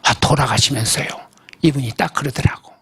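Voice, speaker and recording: A man's voice: mid-range voice, brisk, fairly bright tone, slight background noise. An older man preaching a sermon as a pastor. He tells a story in a folksy, emphatic way and keeps asking the congregation questions. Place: church service.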